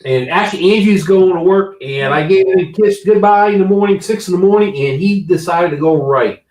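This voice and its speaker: A man's voice: high voice, fairly quick, darkish tone, roomy sound, low-quality recording. A man telling a story in a matter-of-fact way during a casual chat.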